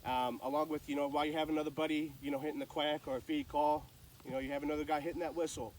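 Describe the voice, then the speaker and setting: Higher-voiced man, distant noisy recording. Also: little pitch movement, racing. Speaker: duck hunter giving calling tips. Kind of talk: casual instructional talk.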